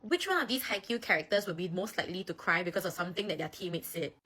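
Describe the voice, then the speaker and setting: A woman's voice: on the low side, animated, quick pace, fairly bright tone, slightly rough. A woman telling playful fan stories in a chatty, casual way, switching into character voices. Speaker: anime fan video host. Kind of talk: casual storytelling commentary.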